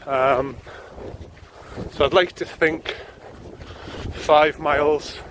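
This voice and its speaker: A running vlogger speaks extremely slowly in a fairly high-pitched voice while jogging on a snowy morning. He's in his thirties, from North East England, and his casual talk rambles with frequent ums, captured on a handheld camera amid background noise.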